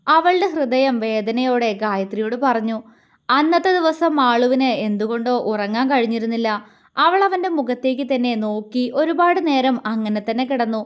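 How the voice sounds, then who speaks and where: A woman storyteller narrating an audio series in a gentle, emotive way. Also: high voice.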